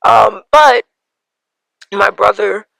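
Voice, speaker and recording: Gravelly bright-voiced woman telling a personal story. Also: medium pitch, no room sound, low-quality recording. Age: 30s. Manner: emotional and halting, many fillers and laughs. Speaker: podcast host.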